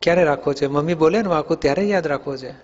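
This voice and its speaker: A man with a slightly high voice races through a Q&A session with young people as their spiritual teacher. Patiently he asks them questions and offers examples from daily life. The recording sounds dull, with hall echo.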